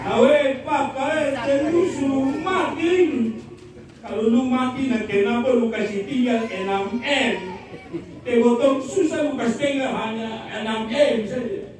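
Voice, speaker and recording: A man voicing a theatrical widow wailing at a funeral, with a Rote Island accent, loud and high. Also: steady tone, slow. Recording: echoey hall from far off, noisy.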